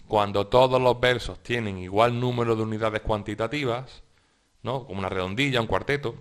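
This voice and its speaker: A man's voice: mid-range voice, a bit bright. A man teaching a lesson on verse metrics, explaining step by step with frequent restarts and checking tags. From Spain. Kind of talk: exam-prep lecture.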